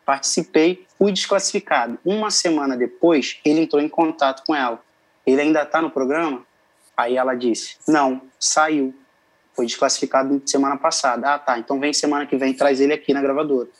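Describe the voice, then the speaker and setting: A man's voice: mid-range voice, brisk, low-quality recording. A young man, a singer, telling stories casually as an interview guest, laughing often. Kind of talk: casual storytelling.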